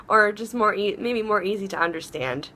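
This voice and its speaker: A woman hosting a casual advice vlog, chatty and rambling, often restarting her sentences, and warm and encouraging toward her viewers. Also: mid-range voice, lively intonation, normal speed, a little hiss or hum. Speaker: vlog host.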